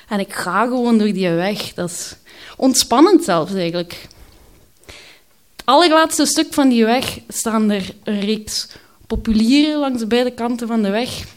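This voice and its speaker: A woman with a Flemish accent telling a personal story, candid and halting, with many pauses and hesitations. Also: mid-range voice.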